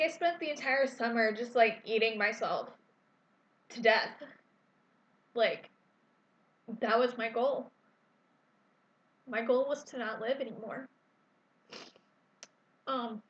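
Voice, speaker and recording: A young woman in her twenties tells her own story straight to the camera. She speaks candidly and emotionally, filling pauses with ums and restarting her sentences, her voice slightly high. The recording is dull and lo-fi, with an echoey room around her. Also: a bit bright. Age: 20s. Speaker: vlogger. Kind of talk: personal story vlog.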